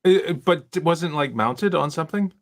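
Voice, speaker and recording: A man's voice: on the high side, expressive, a little fast. A man co-hosting a casual chat, laid-back and hesitant, mostly giving short replies. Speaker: podcast co-host. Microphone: desk microphone out of shot.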